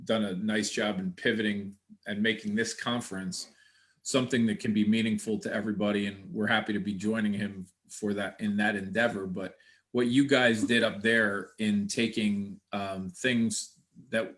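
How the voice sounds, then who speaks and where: A man's voice: fairly low pitch, level tone, normal speed, fairly bright tone. A man hosting a casual online chat, talking in a rambling, hesitant way with many restarts. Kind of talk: casual video-call chat.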